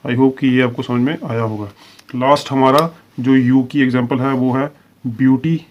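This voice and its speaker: In a dull, lo-fi step-by-step video lesson, a man teaches shorthand, patiently explaining each example, repeating his phrases and drawing out the example words. His medium-pitched voice holds a fairly even intonation at normal speed, with slight background noise.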